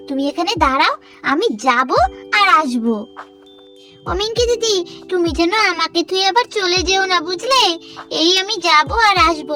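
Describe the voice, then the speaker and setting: A woman's voice: very high voice, bright, forceful tone, full character voice. A woman voicing a whiny little sister doll who pleads and tattles. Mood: reassuring. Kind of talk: doll play voice acting.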